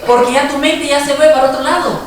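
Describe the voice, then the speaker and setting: A woman's voice: high-pitched, steady tone, fast talker, crowd noise. Emphatic woman preaching in echoey hall. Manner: emphatic, rising to exhortations. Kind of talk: sermon. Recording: echoey hall from far off with congregation. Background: congregation responding.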